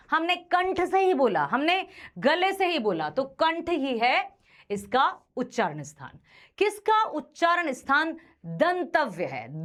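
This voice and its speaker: A woman teacher giving an exam-prep grammar lesson, quizzing students and slowly repeating sounds to demonstrate them. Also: high voice, fairly bright tone.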